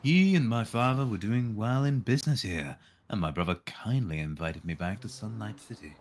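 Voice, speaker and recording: Speaking at a moderate pace in a fairly low, animated voice, a man streams a visual novel. He reads it aloud live and peppers it with dry, irreverent joking asides.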